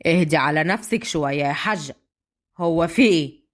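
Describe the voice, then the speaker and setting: A woman's voice: low voice, brisk, voice pushed down, close to an everyday voice. A woman doing a stern old patriarch. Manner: commanding, curt. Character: stern rural family patriarch, older man.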